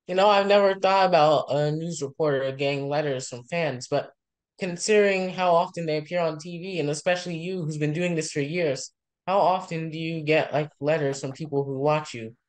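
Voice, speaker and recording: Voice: medium pitch, a little fast, poor audio. An interviewer asking friendly, short questions in a casual online chat.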